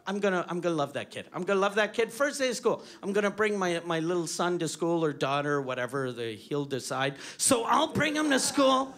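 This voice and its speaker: A man's voice: high voice, sing-song, a little fast, hardly any pauses, a bit bright. A man doing a stand-up comedy set with a Quebec French accent, crude and rambling, often laughing at his own jokes. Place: comedy stage before a live audience. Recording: live club recording with audience crowd and noise.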